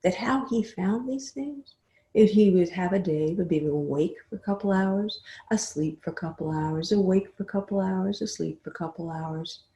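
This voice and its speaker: An older woman giving a webinar talk, telling stories expressively and often trailing off into a soft, quiet voice. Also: fairly low pitch, moderate pace. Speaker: webinar speaker. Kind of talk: storytelling talk. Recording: roomy echo.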